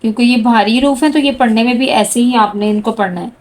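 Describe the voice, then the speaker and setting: A woman teaching a handwriting lesson to children, speaking slowly and patiently and calling out each letter sound as she writes. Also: a little high, darkish tone. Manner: slow, patient, addresses students as "beta"; calls out letter sounds one by one while writing.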